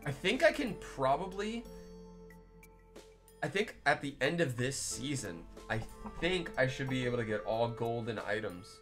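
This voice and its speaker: A man's voice: medium pitch, expressive, measured pace, fairly bright tone, faint music behind. A young man live-streaming a game, chatting loosely with viewers, rambling and swearing as he plays. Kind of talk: casual live-stream chat while playing.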